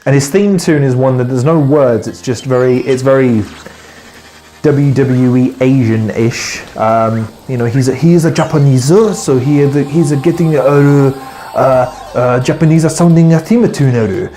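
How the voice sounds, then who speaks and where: A man hosts his own podcast solo, rambling through predictions, swearing often, losing his words and restarting with fillers. His mid-range voice is mellow and fairly even in intonation at a measured pace, with a little hiss or hum in the recording.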